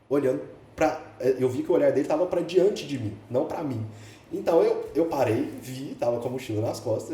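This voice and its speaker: Fast-talking Brazilian man telling a story. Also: mid-range voice. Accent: Brazilian Portuguese. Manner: lively, acts out dialogue, laughs often. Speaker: podcast guest. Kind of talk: animated storytelling. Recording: echoey room, mic at a distance, faint background hiss.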